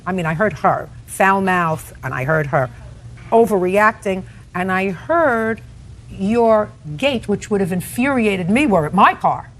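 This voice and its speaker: A woman judge questioning litigants in a courtroom, sharp and interrupting, scolding them. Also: mid-range voice, animated, measured pace.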